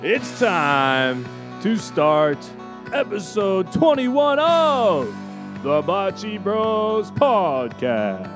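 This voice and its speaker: Booming ringmaster announcer, music behind. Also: male voice, wildly swooping pitch, exaggerated voice. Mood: rousing, hyped. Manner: grandiose, drawn-out words, rising shouts on names. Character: booming ringmaster-style sports arena announcer introducing a lineup.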